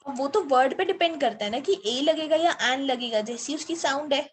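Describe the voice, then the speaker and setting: A woman with an Indian accent teaching English grammar, slowly spelling out example words and switching between Hindi and English. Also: high-pitched, lively intonation, a little hiss or hum. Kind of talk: explanatory lesson mixing Hindi and English.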